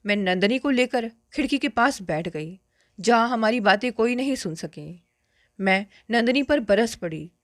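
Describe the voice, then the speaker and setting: A woman narrates a family story in the first person, steady and earnest. Her voice sits a little high, and the recording is close and dry, with no room sound. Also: unhurried, dry recording.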